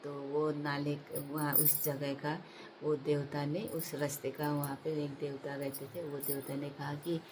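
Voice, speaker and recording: A woman telling a comic folk tale in a casual, halting way, with many fillers and restarts. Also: low-pitched, little pitch movement, noisy background. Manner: halting, with many fillers and restarts, laughing at her own jokes. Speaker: storyteller, channel host.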